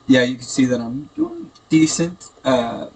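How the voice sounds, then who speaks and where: Recorded on a tinny, echoey built-in computer mic with noise in the background, this man rambles hesitantly and casually over his gameplay as a video host. His mid-range, slightly rough voice swoops wildly in pitch while keeping a measured pace.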